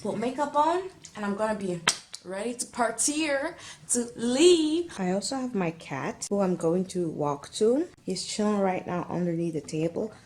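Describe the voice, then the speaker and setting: A woman's voice: medium pitch, lively intonation, normal speed, darkish tone, a little hiss or hum. A young woman chatting casually to the camera in a vlog, talking frankly, sometimes slipping into French, her voice heavy from the morning. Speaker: vlogger. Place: home, then outdoors. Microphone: handheld camera or phone.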